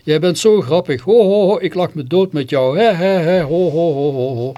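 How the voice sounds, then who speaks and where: A man voicing a jolly, slow-witted farmer who laughs at everything, with a booming belly laugh and a slow, good-natured drawl. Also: darkish tone, dry recording, natural voice. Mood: merry.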